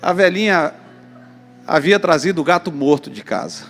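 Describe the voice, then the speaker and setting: A man with a Brazilian Portuguese accent preaching a sermon, telling a story in an animated way to the congregation in a church hall. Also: a little high, normal speed. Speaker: pastor. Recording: long church reverb, faint music.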